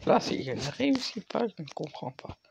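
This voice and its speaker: A young man commenting on his game in a sick, cracking voice with plenty of gravelly fry. His pitch moves around in a lively way as he mutters along casually. There is clear noise and clicking in the recording. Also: normal speed. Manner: frustrated swearing, muttering to himself. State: hoarse, cracking voice from being sick. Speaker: gaming video host.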